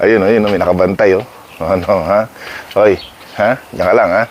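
Low-voiced man vlogging in a backyard. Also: steady tone, a little slow, slight background noise. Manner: rambling, self-mocking, chuckles often. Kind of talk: casual chatty vlog addressing viewers. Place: outdoor backyard. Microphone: clip-on microphone.

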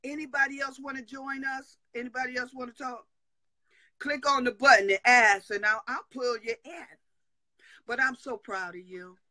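A middle-aged woman preaches with fire on her live prophetic talk stream, her high-pitched voice pushed and bright, her tone steady and her pace moderate. Emphatic declarations alternate with call-and-response asides. She broadcasts from a room in her home through a webcam on a live video call, and there's no echo.

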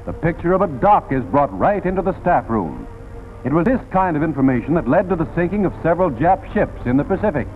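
With newsreel music playing underneath, a man with an American accent delivers 1940s newsreel narration like a declamatory, dramatic announcer. His pitch is fairly high and swings widely, and he talks fairly quickly over a tinny, old-fashioned film soundtrack.

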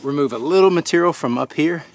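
Man, 30s, casual outdoor work narration, unhurried, faint woodland air behind. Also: on the high side, a little hiss or hum. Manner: relaxed, talks to himself while crafting. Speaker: bushcraft vlogger. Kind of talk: casual narration while working. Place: woods outdoors at a campsite.

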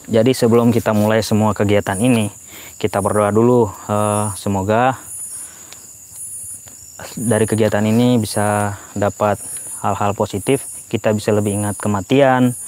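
A man vlogging and praying in a soft, earnest voice from inside a covered grave. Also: lowish voice. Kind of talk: reflective vlog with prayer.

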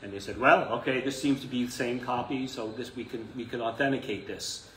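In a small indoor classroom, a middle-aged Orthodox priest delivers a relaxed live lecture, talking fairly quickly in a slightly bright, mid-range voice. His style is emphatic and chatty, with asides and rhetorical questions. Some noise and room echo come through from the distant mic.

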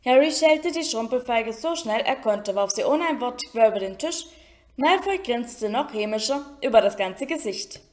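A woman's voice: a little high, animated, normal speed. Woman reading a storybook aloud. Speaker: audiobook reader. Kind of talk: reading a children's novel aloud.

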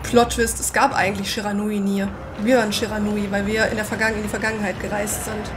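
A woman's voice: mid-range voice, flat delivery, quick pace, background noise. A woman game streamer chatting casually while she plays live. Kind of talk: casual live gameplay chat. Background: game music.

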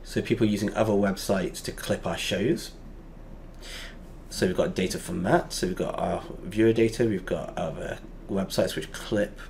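A man teaching a lesson over a whiteboard drawing, explaining step by step and pausing often with fillers. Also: deep voice, steady tone, creaky, a little mellow, slight background noise.

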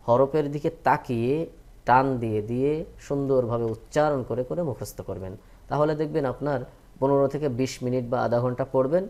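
A man teaching Quran reading, drilling letter names slowly between plain advice to learners. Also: medium pitch, warm tone. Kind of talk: slow recitation lesson.

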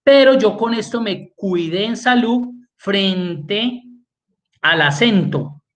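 A man's voice: high voice, expressive, takes it slowly, a bit bright. A man teaching an online spreadsheet class, walking through each step and checking in with his students. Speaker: spreadsheet course instructor.

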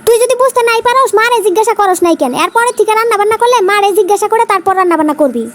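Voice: very fast, a bit bright. A performer voicing a hot-tempered young husband in a cartoon, curt and bossy. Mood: scolding. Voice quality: high squeaky cartoon pitch. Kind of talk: cartoon voice acting.

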